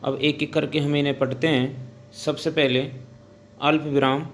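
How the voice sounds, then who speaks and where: A male teacher gives a measured lesson at a very unhurried pace. He sets out each term with a pause, dictates his examples, then explains them. Faint noise sits under his voice. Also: on the high side, little pitch movement. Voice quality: deliberate, pausing between listed items. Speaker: Hindi grammar teacher. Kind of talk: slow explanatory classroom lecture.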